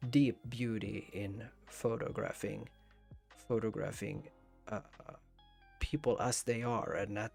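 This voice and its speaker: A Finnish man with a Finnish accent hosts a casual photography livestream, chatting while he edits photos. His voice is lowish and creaky, and he thinks aloud with hesitations and repeated words.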